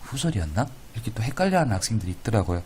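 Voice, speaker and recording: A man's voice: lowish voice, big pitch swings, very fast, a little mellow, a little hiss or hum. A man teaching grammar in a lecture, playful and corny, demonstrating vowel sounds and often checking with the class.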